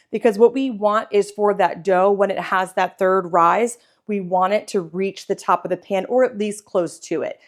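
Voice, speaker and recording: A young woman explains a home bread recipe one step at a time, with an easygoing, friendly manner. Her voice is neither high nor low. She sounds like she is talking from her own kitchen. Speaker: baking channel host. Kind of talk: step-by-step baking tutorial.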